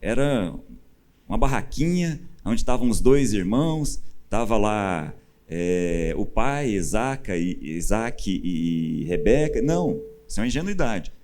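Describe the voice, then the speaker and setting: A Brazilian man with a fairly low voice gives a conversational sermon from a church stage. He teaches in a relaxed, chatty way and grows animated as he acts out the people he quotes. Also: measured pace. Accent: Brazilian Portuguese. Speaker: pastor.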